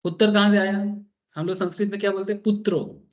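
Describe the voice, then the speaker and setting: A tax teacher from Bengal, India, speaks in a high, level voice at a quick pace, and the recording's highs are cut off. His classroom lecture is chatty and wandering, and he often checks in with his students.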